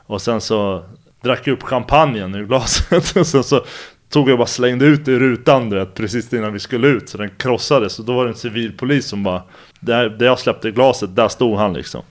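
A man in his thirties, a guest on an interview show, telling stories in relaxed, rambling conversation full of fillers and slang. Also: mid-range voice. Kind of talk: casual conversational storytelling.

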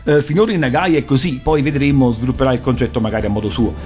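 A man's voice: medium pitch, quick pace. A man giving an erudite, didactic commentary on animation. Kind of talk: explanatory talk, analysing cartoons. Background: soft music.

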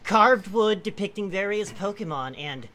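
Bright-voiced reader with amused asides. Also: mid-range voice, expressive, moderate pace. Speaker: reader of a story aloud to friends. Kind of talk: comic read-aloud with casual asides.

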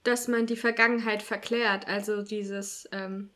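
A woman's voice: mid-range voice, little pitch movement, measured pace, pushed and bright. A young woman co-hosting a podcast in casual, conversational talk. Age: young adult. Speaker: podcast co-host.

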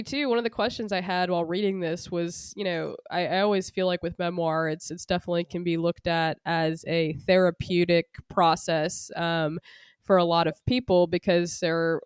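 A woman's voice: fairly low pitch, steady tone, moderate pace, clean tone, dry recording, clean studio sound. A woman hosting an interview podcast, laughing often and asking long, rambling questions with frequent "um"s. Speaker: podcast host. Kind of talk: casual interview.

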